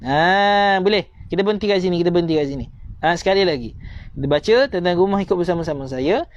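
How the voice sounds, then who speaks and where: A man's voice: high voice, no room sound, muffled recording. A man with a Malaysian accent teaching a tajwid lesson online, repeating points and coaxing listeners to recite after him. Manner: repetitive, coaxing teacher, slows to drawn-out recitation.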